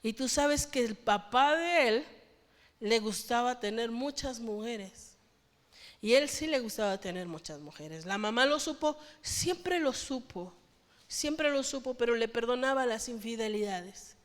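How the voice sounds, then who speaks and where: A woman pastor preaches to her congregation, firing rhetorical questions at them. Her voice sits fairly high, and long church reverb trails after each phrase. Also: animated, unhurried. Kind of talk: sermon.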